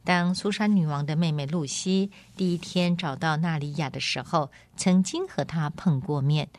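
A woman radio host reading a storybook aloud in a calm, expressive storytelling manner. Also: deep voice, moderate pace, dry recording.

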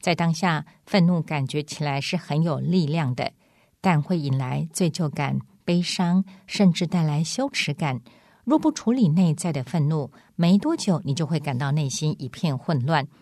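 Woman reading a faith counseling story, low calm voice, dry close sound. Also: normal speed, dry recording. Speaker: narrator.

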